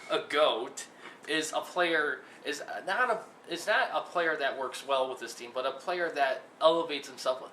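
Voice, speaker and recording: Argumentative young male co-host, higher voice, roomy sound. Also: normal speed, sharp tone. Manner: argumentative, repeats himself when starting a point. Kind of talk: mock sports talk show debate. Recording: echoey room with faint hiss.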